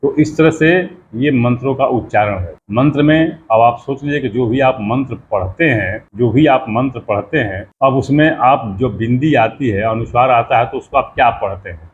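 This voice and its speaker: A man explaining how mantras should be pronounced, patiently repeating words slowly to demonstrate each sound. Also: mid-range voice, muffled recording, slight background noise. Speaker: astrology teacher. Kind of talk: explanatory talk on mantra pronunciation.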